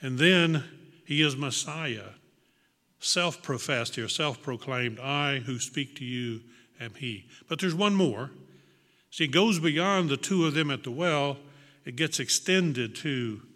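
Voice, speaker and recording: A man's voice: mid-range voice, expressive, takes it slowly, fairly bright tone. A man preaching a sermon to a congregation, earnest and reflective, repeating words for emphasis. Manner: earnest, reflective, with small restarts and emphatic repetition. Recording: long hall reverb.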